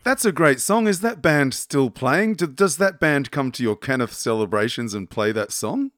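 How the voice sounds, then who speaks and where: A man's voice: mid-range voice, lively intonation, fairly bright tone, no room sound. A male interviewer chatting casually and asking eager, enthusiastic questions. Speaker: interviewer, vlog host.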